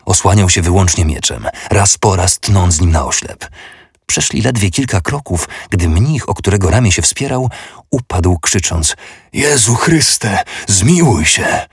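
A man narrating an audiobook in a steady, measured way. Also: low-pitched, slightly rough, no room sound, studio quality.

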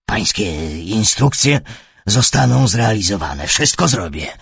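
A man voicing an older, coarse and menacing horse trainer who shouts and blusters, then turns fawning. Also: on the low side, big pitch swings, slow pace, creaky, breathy edge, no room sound, clean studio sound, full character voice. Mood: servile.

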